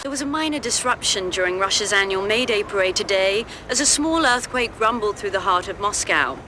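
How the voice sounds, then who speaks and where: In a game cutscene, a woman plays a TV news anchor, reading formal bulletins over a noisy background. Her medium-pitched voice is expressive and brisk, lightly acted, with crisp, formal scripted newscast delivery.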